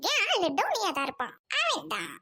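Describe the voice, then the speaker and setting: Brief: woman as a bossy, dramatic young lover, Trichy Tamil accent, very high, swinging voice. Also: wildly swooping pitch, a little fast, sharp tone, heavily acted. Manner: bossy, melodramatic, scolding. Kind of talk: comedy skit acting.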